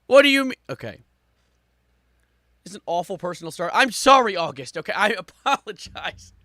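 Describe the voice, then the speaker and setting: Guy streamer reacting live, kinda high sharp voice, fed up and sarcastic, dry close sound. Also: animated, moderate pace, dry recording. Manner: exasperated, sarcastic complaining.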